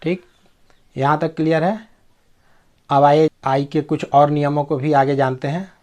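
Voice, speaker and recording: A man teaches English pronunciation in a deliberate, unhurried way. His voice sits a little high for a man, and he spells each word out letter by letter and repeats it. He keeps checking that his students are following along. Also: fairly even intonation, darkish tone.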